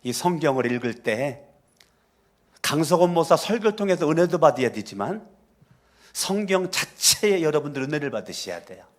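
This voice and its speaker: A man's voice: a little high, very animated, moderate pace. Emphatic, scolding male pastor preaching. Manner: emphatic, scolding, with rhetorical questions. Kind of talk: sermon.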